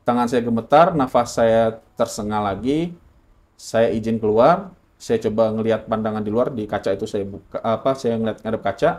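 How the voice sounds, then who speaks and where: A man's voice: fairly low pitch, moderate pace, a little mellow. A man from Indonesia telling his personal story in an interview, earnest and correcting himself often.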